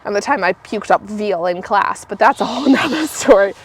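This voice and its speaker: A woman in her thirties with a sick, raspy voice, coughing now and then as she tells a story in casual chat, laughing a lot. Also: medium pitch, expressive, fairly quick. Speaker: podcast guest.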